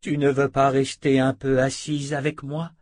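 A man voicing an older woman, a calm and measured captive abbess, in an audiobook, in a soft and low manner. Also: dry recording, close to an everyday voice. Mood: wry. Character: older captive abbess, gentle yet firm.

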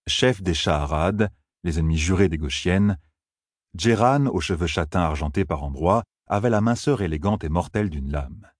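Deep husky guy narrating a fantasy audiobook, dry close sound. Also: expressive, moderate pace, no room sound.

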